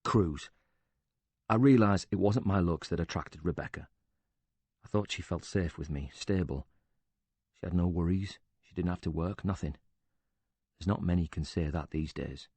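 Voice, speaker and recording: A short-tempered, bitter older widower, voiced by a man, curses and protests with sarcasm in his own defense. The low, husky, slightly mellow voice moves at normal speed with long pauses, and the recording is close and dry with no sense of a room.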